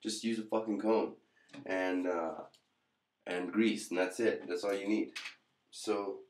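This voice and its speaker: Male vlogger, deep-voiced, off-the-cuff and meandering with halting delivery, recorded in a heavily reverberant room. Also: fairly even intonation. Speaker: vlogger reviewing hair pomade. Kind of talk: casual chat to camera. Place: echoey room indoors.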